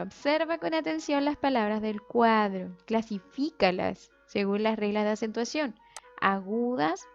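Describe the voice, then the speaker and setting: Patient woman teacher with faint music. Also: on the high side. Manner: patient, explanatory, stretches out example words slowly. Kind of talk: recorded classroom lesson. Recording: dull lo-fi sound with faint music.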